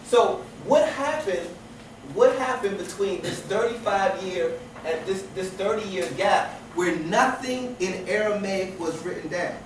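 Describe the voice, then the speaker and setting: This man teaches a class in a high voice with lively intonation, speaking a bit slowly. His lecture is full of restarted and repeated phrases and rhetorical questions, recorded in an echoey room with faraway noise.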